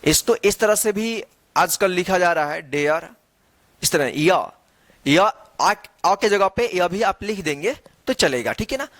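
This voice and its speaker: Guy teaching english reading, spells stuff out slow, asks then answers himself, bouncy pitch, dry close sound. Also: animated, fairly bright tone, no room sound. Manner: spells words letter by letter, then repeats the reading; asks the class questions and answers them himself. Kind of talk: spoken English lesson.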